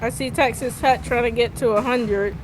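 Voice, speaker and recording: A woman with a slightly high, steady voice talks at normal speed over soft background music, and the audio quality is poor. She gives upbeat, chatty color commentary in casual sports banter, laughing easily and filling her speech with "like" and other fillers.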